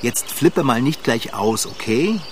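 A man's voice: mid-range voice, lively intonation, unhurried, slight background noise, natural voice. A man playing an easygoing, bewildered bike mechanic in a radio play. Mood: soothing.

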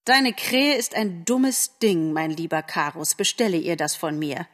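A woman reading an audiobook aloud, voicing a scornful, stubborn female forest animal with dismissive, sharp retorts. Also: fairly low pitch, unhurried, in a large hall. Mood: mocking.

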